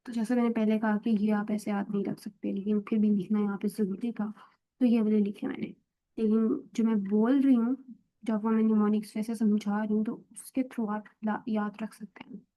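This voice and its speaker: A woman's voice: medium pitch, little pitch movement, moderate pace, muffled recording. A woman teaching English vocabulary in casual Hindi-Urdu mixed with English, explaining patiently and often checking in with "theek hai?". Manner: mixes English phrases into Hindi-Urdu talk.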